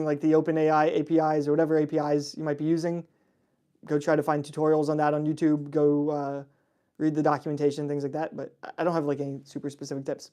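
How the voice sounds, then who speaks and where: A man's voice: fairly high pitch, warm tone, smooth. A young man hosting a casual livestream Q&A, reading out viewer questions and answering them in a chatty, laid-back way with frequent fillers and laughs. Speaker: host answering viewer chat.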